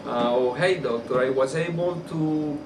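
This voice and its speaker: An orthopedic surgeon with a Colombian Spanish accent answers interview questions off the cuff, unhurried, in an average-pitched voice whose phrasing halts and repeats. The mic sits at a distance in a roomy space, with air-conditioner hum behind him.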